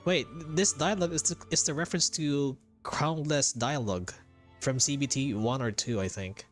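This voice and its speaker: Speaking at normal speed in a medium-pitched voice, a man casually comments live while playing a video game. He thinks out loud with hesitation and repeats himself, and the game's music plays in the background.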